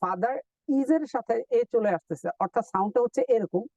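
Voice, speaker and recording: A man teaching English in a live online lesson, explaining step by step and repeating drill words slowly. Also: high voice, darkish tone, no echo, recorded from a distance, muffled recording.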